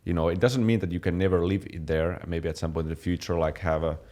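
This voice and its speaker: Deep-voiced Finnish man, casual chat. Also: fast talker. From Finland. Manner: relaxed, many fillers and restarts. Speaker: fitness channel co-host.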